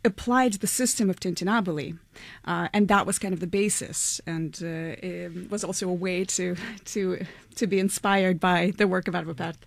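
A woman from Latvia answering interview questions, hesitant with many fillers and soft laughs. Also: on the low side, normal speed, creaky, no room sound. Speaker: curator and collaborator.

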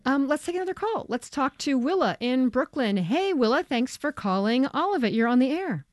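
A woman hosting a live call-in radio show with a smooth, inviting radio-host delivery and upbeat questions for callers. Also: high voice, big pitch swings, normal speed, no echo. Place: radio studio.

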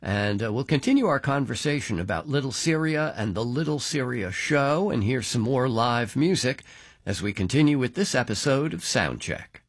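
A man's voice: medium pitch, animated, normal speed, breathy edge, dry recording, clean studio sound. A man hosting a radio show, interviewing a guest with curious questions. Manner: curious, inquiring.

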